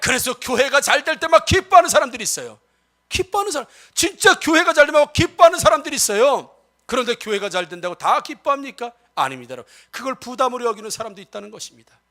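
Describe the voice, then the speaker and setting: A male pastor preaching a Sunday sermon, asking the congregation rhetorical questions and swinging between loud exhortation and soft asides. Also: very high-pitched, sing-song, fast talker.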